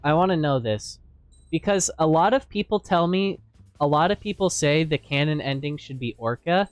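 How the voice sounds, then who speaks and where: A man's voice: fairly high pitch, lively intonation, normal speed, clear, resonant tone, no echo, soft background music. A tired man streaming a game, chatting casually and rambling with hesitant repeated words. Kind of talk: casual chat while gaming.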